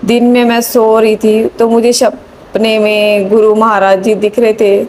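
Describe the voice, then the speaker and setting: Brief: middle-aged woman devotee, earnest testimony, mellow tone, faint hum behind. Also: on the high side, little pitch movement, a little slow. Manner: earnest, pleading prayer, chanting.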